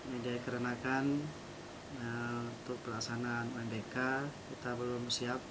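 A man's voice: mid-range voice, completely flat delivery, moderate pace. A middle-aged man, a school principal, answering a news interview formally, with hesitant fillers. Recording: field interview with clear background noise. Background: ambient noise.

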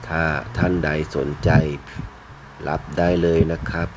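A man presenting items for sale in a video, speaking politely in short, halting phrases over music. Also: sits low, flat delivery, background noise. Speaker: fish seller presenting betta fish for sale. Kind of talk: unhurried sales video narration. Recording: music playing behind the voice.

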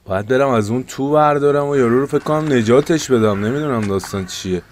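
A man with an Iranian Persian accent doing let's-play commentary as a gaming YouTuber. He swings between loud panicked yelps and hushed, tense muttering. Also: medium pitch, slight background noise.

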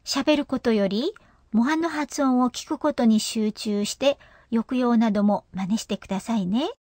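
A woman's voice: fairly high pitch, normal speed, darkish tone, dry recording, studio quality. A woman teaching a radio language lesson, explaining pronunciation in a patient way.

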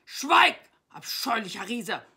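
A woman's voice: on the high side, big pitch swings, takes it slowly, bright, forceful tone, breathy edge, pitched above the performer's own voice, heavily acted. A woman playing a small, boastful male knight in a storybook reading, bellowing pompously.

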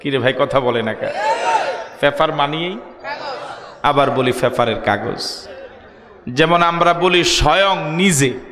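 Slow-preaching Bangladeshi man in echoing hall. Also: fairly high pitch, fairly bright tone. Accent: Bangladeshi Bengali. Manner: calls out questions to the crowd, jokes, chanted Arabic verses. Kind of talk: sermon.

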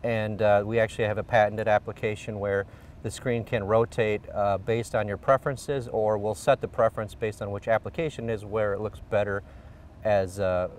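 Standing outdoors beside a car, a middle-aged engineering executive explains a product in an on-camera interview, using frequent fillers. His voice is on the low side and darkish, with a steady tone and moderate pace; he wears a lapel mic, yet the sound sounds recorded from a distance, with slight background noise.

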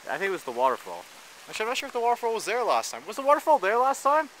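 This young adult man, a house painter vlogging outdoors around his wooden deck and yard, rambles and jokes casually to a camera held at arm's length. His voice sits high and a bit bright, racing along with huge pitch swings, and the rough recording carries slight background noise.

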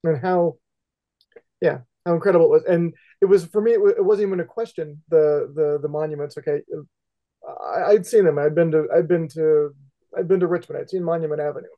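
Here the Indiana co-host, a middle-aged man from the state's west central region, has a fairly high, steady voice and talks a bit quickly. His questions wander and stall, packed with filler words, in a relaxed interview format. Recorded via headset on a video call, the sound is dull and low-fidelity.

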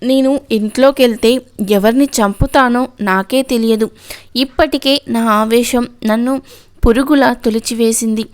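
A woman reading the lines of a remorseful, despairing man in a pleading way, with a smooth voice. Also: on the high side, fairly even intonation, unhurried, close to an everyday voice. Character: remorseful guilt-wracked grown man, despairing.

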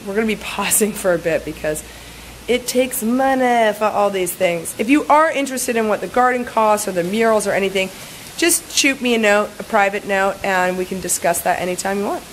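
A woman's voice: mid-range voice, moderate pace, a little hiss or hum, low-quality recording. A woman in her forties, filming herself at arm's length with a phone in an outdoor garden, talking in a chatty, rambling way with lots of "like". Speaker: travel vlogger. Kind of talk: casual vlog walkthrough. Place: outdoor garden courtyard of a house. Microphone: phone camera at arm's length.

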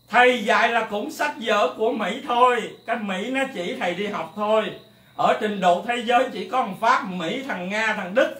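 A man teaching a drum lesson, lecturing bluntly and rambling, counting beats out loud. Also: extremely high pitch. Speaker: music teacher. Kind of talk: drum lesson, talking to camera. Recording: echoey room, mic at a distance. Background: faint drums and music.

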